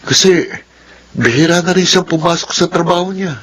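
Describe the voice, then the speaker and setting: An actor playing a weary older brother. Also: male voice, on the high side, normal speed, fairly bright tone, a little hiss or hum, lightly acted. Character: weary elder brother, sleepless. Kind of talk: radio drama acting.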